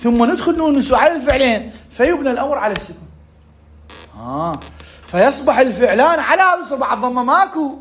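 A man's voice: very high-pitched, very animated, quick pace, fairly bright tone, slight background noise. A man with an Iraqi Arabic accent teaching Arabic grammar in a conversational lesson, explaining through rhetorical questions and asides.

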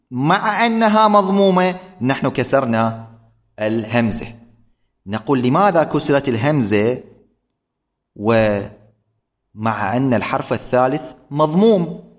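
A man teaching an Arabic grammar lesson, speaking slowly and deliberately and repeating key points. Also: medium pitch. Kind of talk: classroom lesson on verb forms.

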